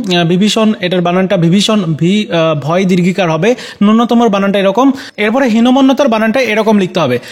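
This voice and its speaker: A man with a notably high voice walks students through exam answers. He talks to them directly and leans on frequent filler pauses between items. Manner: hesitant, many fillers. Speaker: teacher.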